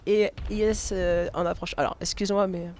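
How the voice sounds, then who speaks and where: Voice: medium pitch, level tone, moderate pace, a little mellow. Chatty, hesitant live streamer. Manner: chatty, hesitant, many fillers and restarts, laughs often. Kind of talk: casual live-stream chat while playing a game.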